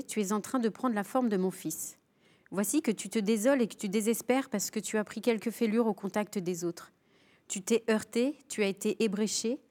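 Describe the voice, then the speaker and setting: A woman guest on a TV studio show, reading a spiritual text aloud in a measured, raised voice. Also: medium pitch, darkish tone. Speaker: guest, author.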